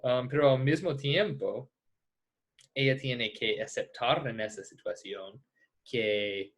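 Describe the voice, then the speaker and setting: A man from the United States, a native English speaker teaching a class discussion in American-accented Spanish, halting as he searches for words. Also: mid-range voice, a bit bright. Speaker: ethics teacher. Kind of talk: lecture discussion with students.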